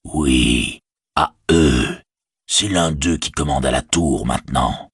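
A man's voice: fairly low pitch, lively intonation, normal speed, sharp tone, husky, dry recording, clean studio sound, exaggerated voice. A man voicing a big, brutish male orc soldier in an audiobook, with a growling, threatening voice. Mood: menacing.

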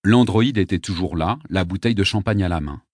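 A man narrating an audiobook with a very low voice and a husky grain. His reading is measured and even. The recording is dry and close. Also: no echo. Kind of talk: scripted narration.

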